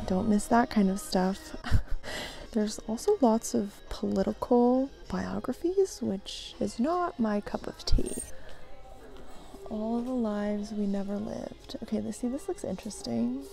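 A woman's voice: on the high side, creaky, mellow. A woman vlogging casually as she browses books in a thrift store, chatty and giggly, musing half to herself. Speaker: book vlogger. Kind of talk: casual chat while browsing.

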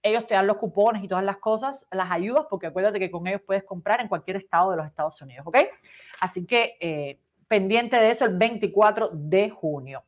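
A Cuban woman co-hosting a morning talk show, telling stories in a lively, animated way and acting out quoted lines. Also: mid-range voice, fairly quick. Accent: Cuban Spanish. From Cuba. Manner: animated, acts out quotes in English. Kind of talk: casual chat, storytelling.

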